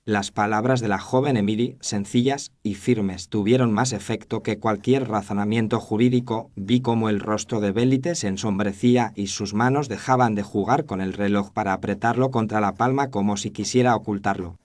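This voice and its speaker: Guy as reflective victorian doctor telling his story, low voice, scripted narration. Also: steady tone, normal speed, hardly any pauses, darkish tone, natural voice. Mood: reflective, sombre. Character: reflective Victorian male doctor chronicling cases.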